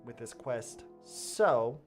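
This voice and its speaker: A man's voice: medium pitch, animated, very slow, faint music behind. A man hosting a let's play, giving casual gameplay commentary in a playful way with stammering restarts.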